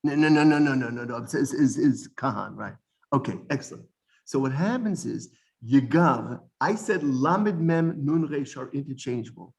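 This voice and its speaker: Teaching a casual Bible study, this man speaks with energy, often doubling back on words and starting sentences over. His voice is mid-range and creaky, at a normal speed.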